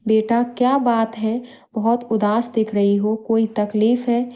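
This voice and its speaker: Woman doing a caring storybook mother: mellow, coaxing, soft questions. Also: fairly high pitch, flat delivery, unhurried, muffled recording, lightly acted. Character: caring middle-aged mother, gentle and coaxing.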